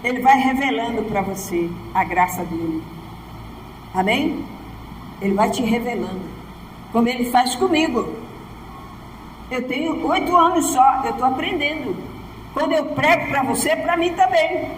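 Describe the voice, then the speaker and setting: High-voiced Brazilian woman pastor preaching. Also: lively intonation, normal speed, pauses often, a little hiss or hum. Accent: Brazilian Portuguese. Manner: preaches emphatically, often asking the congregation "Amém?". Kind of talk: sermon. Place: church altar. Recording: echoey church hall.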